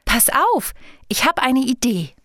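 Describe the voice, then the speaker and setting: A woman's voice: lowish voice, big pitch swings, slow pace, no echo, studio quality, full character voice. A woman voicing a kind, curious star fairy who talks in a friendly, coaxing way. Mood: delighted.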